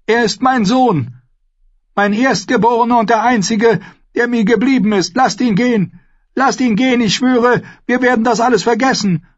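A man's voice: extremely high pitch, moderate pace, lo-fi sound, pitched above the performer's own voice. A man voicing a noblewoman and mother who pleads urgently, in an audiobook. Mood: pleading. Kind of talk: audiobook character voice.

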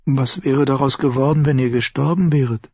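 Male reader playing a naive young lover, high husky voice, dull dry audiobook sound. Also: moderate pace, a little mellow, no echo. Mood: eager. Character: young woman, eager, childish, pleading lover. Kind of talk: audiobook character voice.

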